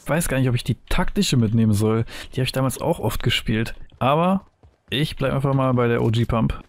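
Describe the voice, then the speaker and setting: A young man giving excited, nostalgic commentary on his gameplay, full of youthful slang. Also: medium pitch, a little fast, dry recording. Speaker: gaming streamer.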